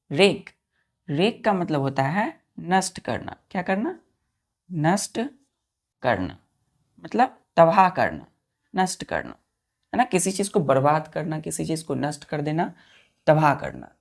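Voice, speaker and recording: Gravelly-voiced woman teaching vocabulary. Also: on the low side, sing-song, unhurried, a little mellow. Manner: spells words letter by letter, repeats and quizzes pupils; addresses listeners as children. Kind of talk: classroom-style lesson.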